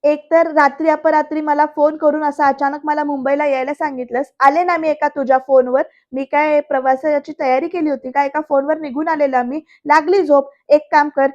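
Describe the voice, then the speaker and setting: A woman voicing a sharp-tongued young woman who snaps back with quick retorts. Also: high voice, steady tone, highs cut off, close to an everyday voice. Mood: snappy.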